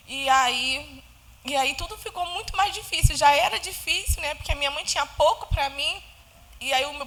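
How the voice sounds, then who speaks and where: A woman's voice: high voice, a bit bright. A young woman with a Brazilian accent sharing a heartfelt personal testimony in a conversational way, often adding tag questions. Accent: Brazilian Portuguese. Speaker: church member giving testimony.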